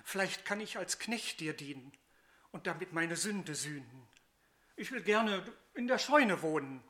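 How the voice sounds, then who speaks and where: A remorseful young son in rags, voiced by a storybook reader confesses in rhymed verse. The delivery is unhurried and bright-toned. He sounds humble and worn down. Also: mid-range voice. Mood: humble, quiet.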